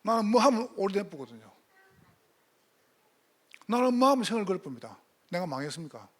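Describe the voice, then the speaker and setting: A male pastor preaching a sermon, firing rhetorical questions and swinging between loud emphatic calls and hushed asides. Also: sits high, very animated, fairly quick.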